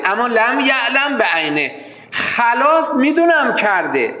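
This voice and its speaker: A man teaching a jurisprudence class, lecturing with energy and slowing into a chanted reading of the text. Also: high-pitched, pushed and bright. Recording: echoey hall, dull lo-fi sound.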